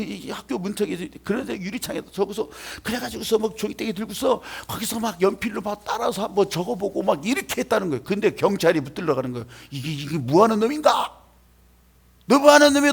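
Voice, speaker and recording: A male pastor preaching an emotional sermon, swinging between loud exhortation and hushed, quiet passages. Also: high voice, vocal fry, slightly rough. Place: church sanctuary.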